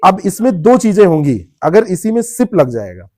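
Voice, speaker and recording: A man's voice: high-pitched, very animated, normal speed, mellow. A man teaching a classroom lecture, explaining word meanings, repeating terms and quizzing students by name. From India.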